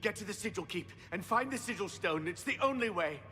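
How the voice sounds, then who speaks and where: A man's voice: high voice, animated, moderate pace, sharp tone, long reverb tail, soft background music. A man voicing a frightened male prisoner in a video game, urging the hero on in an urgent, pleading way. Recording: game audio heard faintly under the player's talk.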